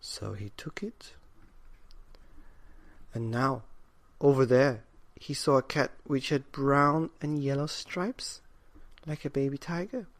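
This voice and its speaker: A man's voice: mid-range voice, takes it slowly, pauses often, dry recording. A man narrating a children's bedtime story expressively, with dramatic, rhythmic emphasis.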